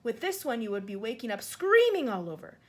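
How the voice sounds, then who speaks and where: A woman voicing a kind, excitable male giant in a storybook reading, talking in jumbled grammar and made-up words. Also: on the high side, brisk. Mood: distressed. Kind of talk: audiobook character voice.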